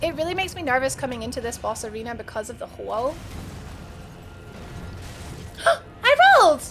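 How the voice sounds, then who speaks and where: Rapid-fire and lively in intonation, her slightly high voice carries an Edinburgh Scottish accent as she streams a video game. She thinks aloud and chats casually with viewers while music plays behind her.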